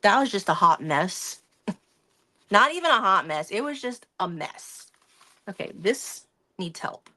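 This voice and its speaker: A woman's voice: medium pitch, very animated, a little slow, long pauses, sharp tone. A woman hosting a craft live stream, chatting casually and rambling about her week while she works at her craft table. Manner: chatty, rambling, talks through her hands-on work.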